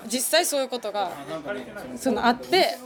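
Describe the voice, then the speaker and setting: A woman guest telling a spooky personal story in a casual, animated way, often laughing as she talks. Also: a little high, moderate pace.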